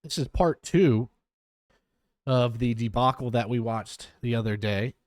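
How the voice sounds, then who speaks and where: A man's voice: mid-range voice, a little slow, darkish tone, dry recording, clean studio sound. A young man streaming himself reacting to videos, giving blunt, joking, sarcastic asides in casual chat.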